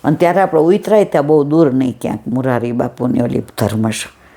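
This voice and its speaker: A woman's voice: very deep voice, expressive, quick pace, mellow. An older woman giving a devotional satsang talk, telling anecdotes and acting out the dialogue. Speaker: satsang speaker.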